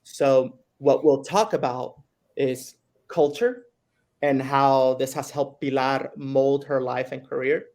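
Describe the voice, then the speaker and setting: Host: upbeat man at a middle pitch, switching now and then into Spanish. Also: slow, darkish tone. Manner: enthusiastic, switches into Spanish phrases. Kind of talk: livestream interview.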